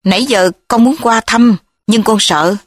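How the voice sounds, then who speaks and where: Bà mẹ hiền trong truyện sách nói, nói nhẹ nhàng, ân cần, do một phụ nữ thể hiện. Âm thanh gần và khô. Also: female voice, on the high side, unhurried, no echo. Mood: tender, worried. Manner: coaxing, tender. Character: loving, fearful mother, soft and coaxing.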